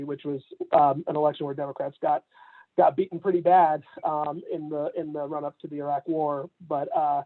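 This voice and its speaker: Heard through tinny audio, this man's voice is a little high and narrow. He is a Canadian campaign manager in his forties who grew up in Atlanta, chatting easily in a remote interview, laughing often and using lots of fillers between his points.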